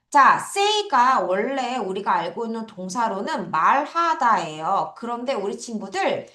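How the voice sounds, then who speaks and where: A woman teaches an English vocabulary lesson in an unhurried, sing-song way, her pitch rising and falling a lot. She coaxes students to repeat each word after her. The room is echoey. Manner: lively, coaxing students to repeat words. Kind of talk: online lesson.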